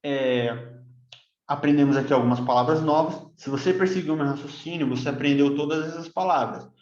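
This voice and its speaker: Brazilian male teacher, higher voice, slow patient drills of English words; roomy, muffled lo-fi sound. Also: a little mellow. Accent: Brazilian Portuguese. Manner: slow, patient explaining, repeating words for pronunciation. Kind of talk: bible-based English lesson. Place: room near a construction site. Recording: echoey room, dull lo-fi sound.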